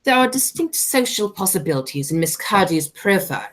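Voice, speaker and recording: A woman's voice: medium pitch, very animated, brisk, fairly bright tone. Woman playing swooping, imperious aristocratic aunt. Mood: appraising, condescending. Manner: pompous, declamatory, stumbles over words. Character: imperious, snobbish, money-minded aristocratic English aunt. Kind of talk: stage comedy as amateur radio play.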